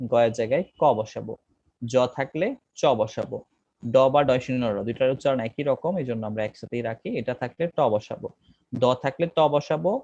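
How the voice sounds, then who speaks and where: A grammar teacher with a gravelly edge to his voice, drilling each rule with repetition and questions to the class. The recording is dry and a little dull, with a lo-fi sound. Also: medium pitch, warm tone, dry recording. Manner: repeats rules over and over, asks questions to the class.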